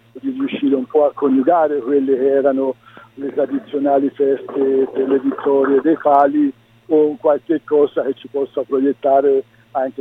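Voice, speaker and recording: A man, a guest on the phone, answering in a measured, deliberate way with some hesitations. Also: medium pitch. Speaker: contrada prior, phone-in guest. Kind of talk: radio phone interview. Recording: husky voice over a narrow phone line.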